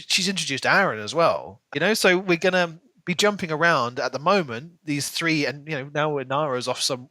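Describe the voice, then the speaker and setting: This podcast co-host has a fairly high, pushed, bright voice, recorded with no echo. He discusses a book casually, rambling in long runs and dropping plenty of "you know"s.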